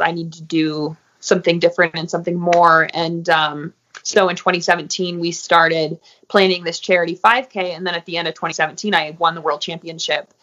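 Relaxed lower-voiced woman, lo-fi. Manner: friendly, many fillers like um and you know. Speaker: interview guest, athlete. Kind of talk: casual interview talk. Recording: muffled, lo-fi audio.

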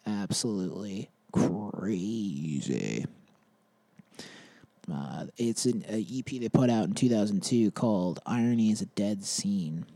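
A man's voice: lowish voice, lively intonation, takes it slowly, gravelly, dark tone, no echo. A young man hosting a podcast, chatting casually about bands in a rambling way with lots of fillers. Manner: rambling, filler-heavy, laughs at himself. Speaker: podcast host. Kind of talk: casual music chat.

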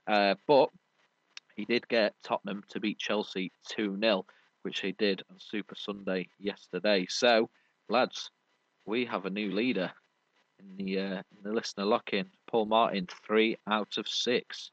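This British podcast host has a fairly low voice, fairly even intonation and a measured pace, heard in a dry recording with dull lo-fi audio. He reviews sport in a casual chat, rambling through explanations in a friendly, matey manner.

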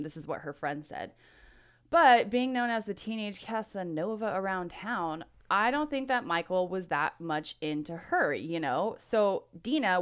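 A woman co-hosting a true-crime podcast, telling the case in casual chat and laughing often. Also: lowish voice. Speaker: podcast co-host.

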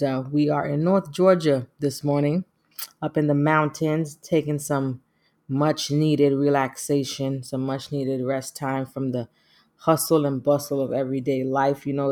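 A middle-aged woman with a bass voice and darkish tone hosts a personal podcast. She speaks casually and earnestly, in a reflective, devout manner.

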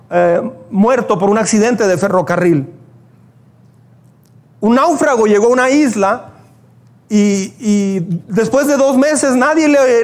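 A male pastor, preaching a sermon and telling stories, acting out the prayers he quotes. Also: very high voice.

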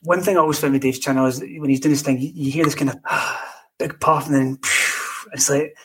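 Man, podcast host, upbeat and playful, slightly higher voice, faint background hiss. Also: fairly even intonation, fairly bright tone. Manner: upbeat, playful, quick to praise. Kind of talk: casual chat.

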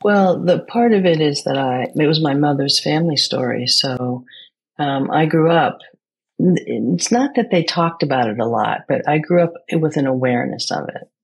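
A woman's voice: sits low, moderate pace, husky, low-quality recording. An American woman speaking as an interview guest, thoughtful and searching for words with frequent restarts. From United States. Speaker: guest, poet and playwright. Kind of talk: reflective conversation.

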